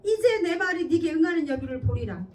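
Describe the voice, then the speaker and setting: A woman's voice: very high voice, expressive, a little fast, darkish tone. A woman pastor preaching a sermon in a conversational way, often checking in with her listeners and acting out quoted speech. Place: church. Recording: distant mic with faint background noise.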